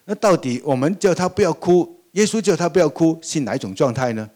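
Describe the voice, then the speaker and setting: A man's voice: on the high side, fairly quick. Older pastor guy giving a sermon, chatty, keeps asking "right?" and laughing. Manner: lively, asks the congregation rhetorical questions, laughs often.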